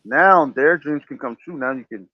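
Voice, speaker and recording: Hosting a laid-back talk show, a man with a somewhat high voice and moderate pace gives preachy, emphatic motivational advice full of repeated phrases. The podcast audio carries no room sound and has a dull, lo-fi quality.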